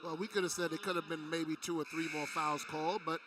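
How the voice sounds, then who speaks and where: A man's voice: on the high side, fairly even intonation, quick pace, a crowd in the background. A man giving color commentary at a college basketball game, with chatty, opinionated asides. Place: college gym. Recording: distant mic in a gym.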